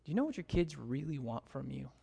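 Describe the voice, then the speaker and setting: A man with an American accent preaching a sermon as a pastor, telling stories with big animated swings in pitch. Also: fast, creaky, husky. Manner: animated storytelling, pitch leaping high in anecdotes. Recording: long reverb of a large hall.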